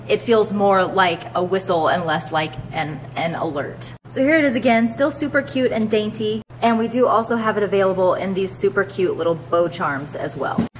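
Female product presenter, 30s, mid-pitched, conversational explainer, recorded in a large warehouse with noticeable ambient noise. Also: poor audio. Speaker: host presenting her store's products. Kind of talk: product demonstration to camera. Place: large open warehouse, indoors.

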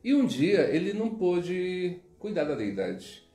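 A man's voice: high-pitched, very animated, measured pace, dark tone. Chatty Brazilian man teaching with stories. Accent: Brazilian Portuguese. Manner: chatty, digressive, frequent tag questions. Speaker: spiritual teacher. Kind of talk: informal teaching with storytelling. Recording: roomy echo, faint music.

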